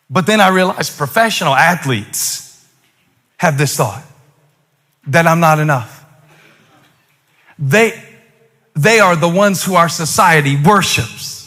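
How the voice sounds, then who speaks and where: A man preaching a sermon to a congregation, talking conversationally and then rising to loud exhortation. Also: on the high side, unhurried, pauses often. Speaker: pastor.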